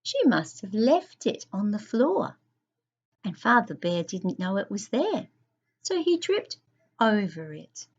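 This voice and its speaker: A woman reading a children's story aloud, sing-song, pausing to ask young listeners questions. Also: medium pitch, big pitch swings, slightly rough, muffled recording.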